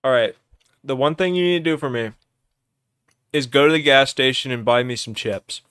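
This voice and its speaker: A young man hosting a livestream, loudly and teasingly narrating an improvised role-play game and often restarting his words. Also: medium pitch, normal speed, smooth, no room sound, studio quality.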